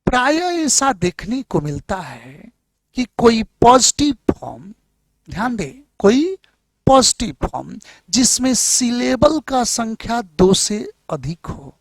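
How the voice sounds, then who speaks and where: Slow, gravelly-voiced Indian male teacher. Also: very high voice, sing-song, dry recording. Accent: Bihari Hindi. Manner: slow, drawn-out dictation of English examples. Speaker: English teacher. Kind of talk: classroom grammar lesson.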